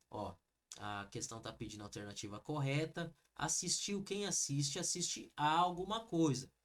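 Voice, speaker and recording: A man with a Brazilian Portuguese accent teaching an online exam review lesson, explaining each answer step by step and talking straight to the viewers. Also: mid-range voice. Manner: lively, explains step by step, addresses viewers as "gente".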